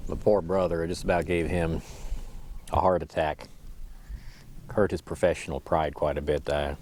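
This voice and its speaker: A man's voice: rumbling low, flat delivery, moderate pace, a little mellow, a little hiss or hum. A man, perhaps middle-aged, rambles casually in a folksy, easygoing way, speaking into a lapel mic. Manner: folksy, easygoing, chuckles to himself. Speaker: vlogger. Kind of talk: casual, rambling solo chat.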